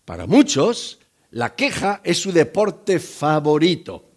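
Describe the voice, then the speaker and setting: Older man, sermon, conversational, acts out voices, lively pitch. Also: slow pace. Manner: conversational, joking asides to the congregation; acts out quoted voices in the story. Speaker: pastor.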